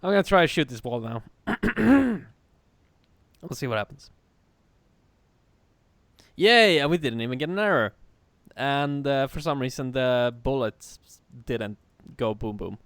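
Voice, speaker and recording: A man's voice: mid-range voice, animated, normal speed, gravelly, no room sound. Casual, laughing male coding teacher. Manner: casual, laughs and swears freely. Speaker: programming teacher. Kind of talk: live coding lesson.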